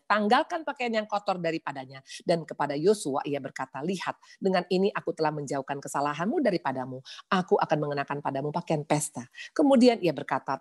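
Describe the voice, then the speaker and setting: A woman's voice: sits low, darkish tone. A middle-aged woman preaching to a women's gathering with personal testimony. She talks in an emotional, pleading way, calls listeners "sister" and drops English words into her talk. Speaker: women's prayer-fast speaker.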